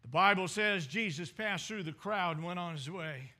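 A male pastor preaching a sermon with dramatic swings between loud bursts and hushed asides. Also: high voice, normal speed.

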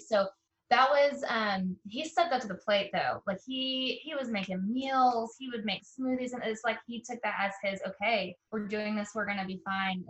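A young woman, an interview guest, tells a personal story in a casual, earnest way, halting often with fillers and restarts. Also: medium pitch, a bit bright, dull audio. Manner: emotional and earnest.

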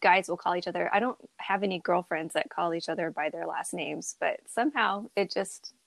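A woman's voice: lowish voice, a little fast, vocal fry, no room sound. A woman co-hosting a podcast, chatting candidly and laughing often. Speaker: podcast co-host. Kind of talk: casual podcast chat.

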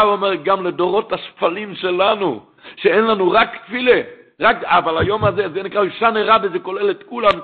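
Man, sermon, exhorting, gravelly voice, slightly high pitch. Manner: impassioned, exhorting, quotes sources in a chanting lilt. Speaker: rabbi giving a Torah talk. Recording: tinny phone-like sound.

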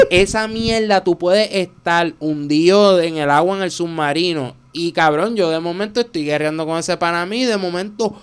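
A man with a Puerto Rican accent, hosting a casual chat and telling animated, profane stories. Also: sits high, moderate pace, clear, resonant tone. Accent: Puerto Rican Spanish. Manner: animated, profane, acts out his own anecdotes. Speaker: podcast host.

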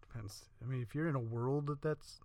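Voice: mid-range voice, fairly quick, a little mellow. A podcast co-host in easy, casual chat who laughs often and swears freely. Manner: laid-back, swears a lot, laughs often.

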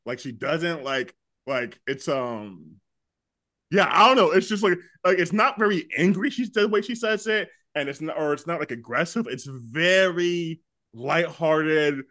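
A man's voice: fairly high pitch, animated, a little slow, dry recording, clean studio sound. A man co-hosting a casual album-review chat, laughing often and dropping his voice to quote lyrics. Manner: laughs often, filler-heavy, drops quieter to quote lyrics. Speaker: podcast co-host.

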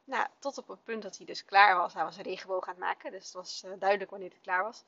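A woman's voice: mid-range voice, fairly even intonation, quick pace, dry recording. Chatty mom-host in her thirties, casual podcast storyteller, lo-fi sound. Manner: chatty, warm storytelling with many fillers. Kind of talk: casual spoken podcast monologue. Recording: dull, dry lo-fi sound.

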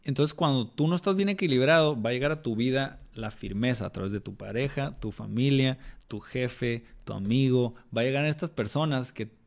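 Mexican man with a gravelly voice. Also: medium pitch, a little fast, few pauses. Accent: Mexican Spanish. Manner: colloquial, full of slang, reflective. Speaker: mentor of children. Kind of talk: casual interview conversation.

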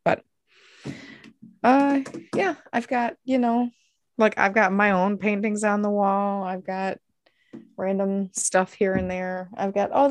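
A woman's voice: medium pitch, gravelly, no room sound. Chatty woman podcaster in a dry room. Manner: chatty, rambling, many fillers. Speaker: podcast co-host. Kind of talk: casual chat. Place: home craft room with TV fireplace sounds.

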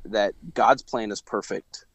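A man's voice: on the low side, fairly even intonation, a little slow, vocal fry, husky, no room sound. A man from Missouri speaking as an interview guest, reflective and rambling with many fillers and restarts. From Missouri, USA. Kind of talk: casual faith-based conversation.

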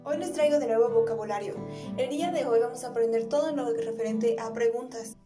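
A woman hosting a podcast lesson, reading out phrases in two languages and repeating each one slowly for listeners to copy. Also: on the high side, music in the background. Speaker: language teacher and podcast host. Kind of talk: slow bilingual vocabulary lesson.

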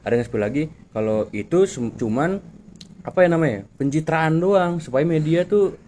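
A man's voice: fairly high pitch, normal speed, warm tone, slight background noise. Slangy, joking young man co-host. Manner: slangy, joking, repeats words while searching for them. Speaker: podcast co-host. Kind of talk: casual chat.

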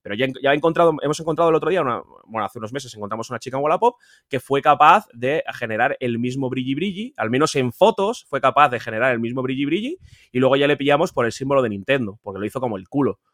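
A man from Spain with a Spain Spanish accent, a collector guest talking casually on a podcast, emphatic and animated, repeating words and swearing freely. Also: fast, no room sound, studio quality. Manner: animated, pitch jumping up when insisting. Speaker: guest, video game collector.

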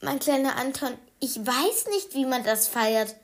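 A woman's voice: high voice, measured pace. A woman voicing a scatterbrained mother who brushes off her child's questions in a children's story. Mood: sheepish. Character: scatterbrained mother, dismissive yet fond.

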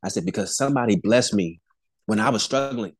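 A man's voice: fairly low pitch, a little fast, breathy edge, no echo. A man in his forties, a pastor and airman, sharing an earnest faith testimony in a podcast conversation, often restarting and repeating words with small chuckles. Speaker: pastor and Air Force airman, podcast guest.

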